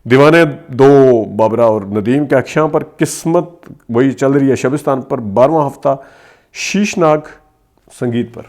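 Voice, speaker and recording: A man hosting a rapid film-history commentary, reeling off movie titles fast and adding quick asides. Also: medium pitch, a little mellow. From Pakistan. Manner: reels off titles quickly, stressing names, with asides. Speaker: host.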